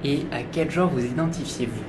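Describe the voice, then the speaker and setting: A man's voice: medium pitch, fairly quick, reverberant, noisy background. Man asking plain interview questions.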